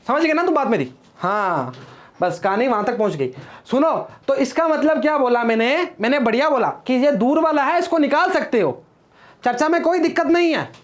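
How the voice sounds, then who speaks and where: A man teaching physics in a casual classroom lecture, chatty and teasing as he talks straight to his students and wanders off into playful rhymes. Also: very high voice.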